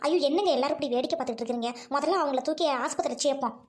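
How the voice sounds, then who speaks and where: A woman plays a shrill, squeaky cartoon girl who panics and wails at every turn. Her voice sits extremely high and never settles. It sounds made for a kids' cartoon. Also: racing, darkish tone, close to an everyday voice. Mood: panicky. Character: frantic squeaky young woman friend. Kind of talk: cartoon voice acting.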